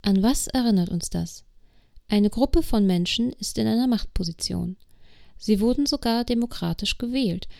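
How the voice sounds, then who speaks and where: A woman's voice: medium pitch, moderate pace, gravelly, warm tone, no room sound, studio quality. A woman reading out accusing, rhetorical commentary. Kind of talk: read-out commentary.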